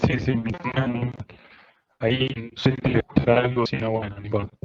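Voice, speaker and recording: A man's voice: mid-range voice, fairly even intonation, moderate pace, a little mellow, soft background music. A male student asking a question in an online class, his voice coming through choppy and muffled like a drive-thru speaker, often restarting his phrases. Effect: choppy, muffled internet call audio like a drive-thru speaker. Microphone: computer mic on a video call. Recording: lo-fi, breaking-up internet call.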